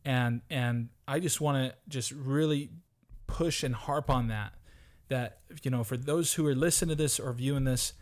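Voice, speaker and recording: A man's voice: medium pitch, normal speed. Earnest upbeat man on a podcast. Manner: earnest, upbeat, repeats words while thinking. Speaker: podcast co-host. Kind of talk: casual motivational chat.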